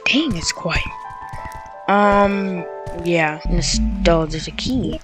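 Young teenage boy, casual slangy gaming commentary, muttering, unhurried, headset mic, music behind. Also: sits high. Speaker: gaming video host. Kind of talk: casual horror game commentary. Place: bedroom.

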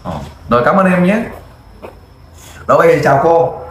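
A man's voice: fairly high pitch, normal speed, a bit bright, reverberant, a little hiss or hum. A man in the field interviewing a family, asking direct, coaxing questions. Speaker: volunteer interviewer.

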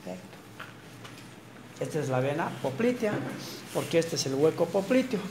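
A man's voice: a little high, sing-song, moderate pace. A man lecturing on anatomy at a dissection, explaining step by step and often checking in with his students. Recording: echoey room with noise.

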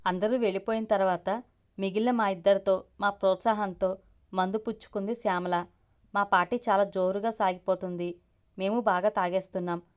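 A woman's voice: mid-range voice, steady tone, moderate pace, smooth. A woman reading a story aloud as the channel's storyteller, narrating steadily in the first person.

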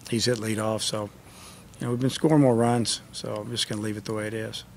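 A middle-aged baseball coach talks to reporters across a press table at a post-game conference. His voice stays flat and even, and he answers plainly with plenty of "you know" and "uh". A faint hiss of room noise sits underneath. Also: on the low side, quick pace, vocal fry. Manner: plain, matter-of-fact answers with many fillers. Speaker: college baseball head coach. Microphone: table microphone.

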